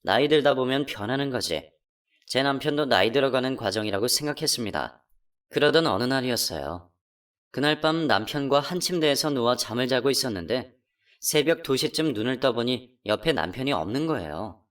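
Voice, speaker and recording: A woman's voice: expressive, a little fast, recorded from a distance. A woman playing a betrayed, furious wife. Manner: emotional, accusing, pitch climbing when upset. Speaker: narrator and voice actor. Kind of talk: first-person radio drama narration.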